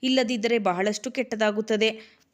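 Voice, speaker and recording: A woman's voice: on the high side, fairly even intonation, normal speed, close to an everyday voice. Tearful young wife pleading with her husband, read by a woman narrator, storybook. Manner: begging, tearful.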